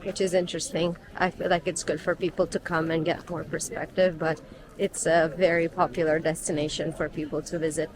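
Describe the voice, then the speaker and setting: A young woman chats to her camera while walking with an outdoor tour group, explaining the sights between frequent ums. Her voice sits slightly low for a woman, and faint outdoor sound hums behind her. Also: level tone, brisk, noisy background. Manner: chatty, explanatory, with frequent um fillers. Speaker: travel vlogger. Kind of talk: casual travel vlog narration. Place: outdoors on a guided tour, cold weather.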